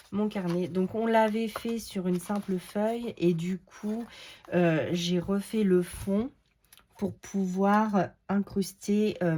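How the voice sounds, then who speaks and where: A woman's voice: lowish voice, mellow. A woman chatting casually as she works through a collage craft tutorial at home, with lots of fillers along the way. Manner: chatty, many fillers, talks while working. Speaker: craft video creator.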